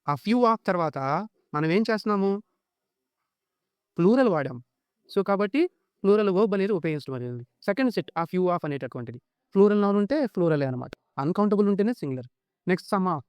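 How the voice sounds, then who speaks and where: Telugu-accented male grammar tutor, crisp tone, switches to slow deliberate English for rules. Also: high-pitched, expressive, a little mellow, dry recording. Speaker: English teacher. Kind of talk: exam-prep grammar lesson.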